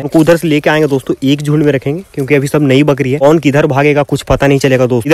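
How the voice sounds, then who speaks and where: Fast-talking man vlogging his goat farm. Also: medium pitch. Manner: chatty, keeps calling viewers friends, shouts at goats. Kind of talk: casual farm vlog narration. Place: outdoors on a farm with goats.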